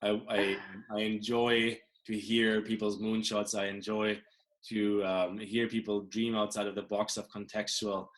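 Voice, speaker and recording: A man from Germany hosting a podcast, talking reflectively in a casual interview with halting, repeated words. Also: on the low side, little pitch movement. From Germany, Bavaria. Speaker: podcast host.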